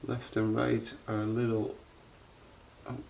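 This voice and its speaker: Slight background noise and a rough recording capture this repair technician's low, creaky, darkish voice, delivered in an unhurried monotone. Hosting his channel, he demonstrates a repair off the cuff, muttering and thinking out loud as he works.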